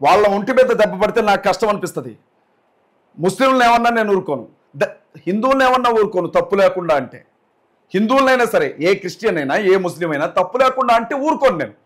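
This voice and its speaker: Indignant high-voiced man speaking forcefully. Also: animated, fast. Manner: forceful, indignant, repeats points, keeps saying "sir". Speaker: interview guest, activist. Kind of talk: heated interview talk.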